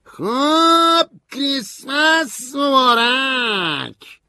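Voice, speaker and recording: A shrill loud bitter dude, slow sneering drawl, keeps shouting. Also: male voice, very animated, no room sound, clean studio sound. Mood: mocking. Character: bitter mocking grown man, volatile and grieving.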